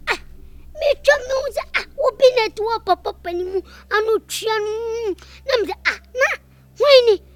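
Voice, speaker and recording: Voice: extremely high pitch, a bit bright. A performer with a Ghanaian accent and Twi as native language, playing a gossiping, indignant friend in an improvised comedy skit, with dramatic exclamations. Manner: dramatic, exclaiming, repetitive storytelling.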